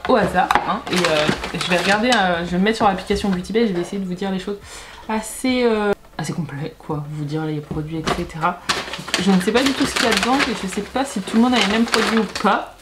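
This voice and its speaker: A woman's voice: mid-range voice, heavy background noise. A woman talking casually to camera in a beauty unboxing vlog, chatty and rambling, often hesitating and correcting herself. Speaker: beauty YouTuber.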